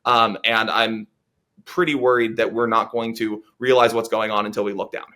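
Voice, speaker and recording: Man, policy analyst guest, bright tense voice, earnest, lots of um and restarts. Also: fairly low pitch, steady tone, normal speed. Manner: earnest, many fillers and restarts. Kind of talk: political interview commentary.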